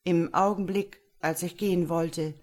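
A woman reading the part of a troubled young man giving a long, halting confession after his arrest. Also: lowish voice, steady tone, darkish tone. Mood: earnest.

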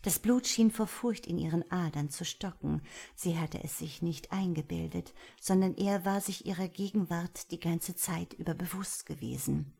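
Woman narrator, low voice, gravelly, husky, dramatic novel reading. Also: normal speed, warm tone. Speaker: audiobook narrator.

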